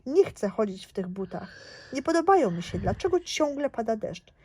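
Storybook part: a complaining little boy, as a woman reads him, a bit higher when he whines. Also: big pitch swings, moderate pace, darkish tone, husky. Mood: whiny. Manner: complaining, read aloud from a storybook.

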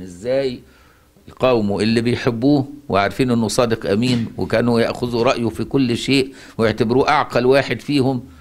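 A man with an Egyptian Arabic accent leads a Quran recitation class. He keeps asking his student rhetorical questions and answers them himself. He hammers a point home by repeating key words, at a mid-range pitch. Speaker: Quran teacher.

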